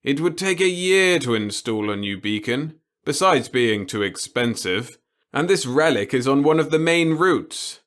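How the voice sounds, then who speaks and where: For a sci-fi audiobook, a male narrator voices a domineering elderly boss, lifting his pitch and leaning heavily on every phrase in a fairly bright, expressive tone. At a measured pace the character lectures with obvious relish, gleefully gloating and bullying whoever must listen.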